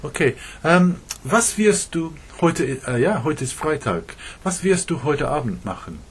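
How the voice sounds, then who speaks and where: A man's voice: fairly high pitch, sing-song, a little slow, husky. A male teacher asking a student questions in an oral practice session, prompting often with short encouraging sounds. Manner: encouraging prompts, many mhms.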